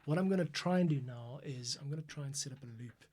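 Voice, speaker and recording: A man's voice: a little high, fast talker. A man composing for an audio drama, casually thinking aloud and explaining his steps during a livestream from a home studio. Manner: relaxed, thinking aloud, self-correcting.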